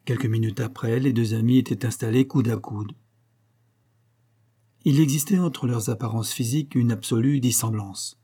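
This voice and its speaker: Mellow, husky male audiobook narrator. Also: mid-range voice. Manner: steady, measured literary reading. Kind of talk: scripted narration.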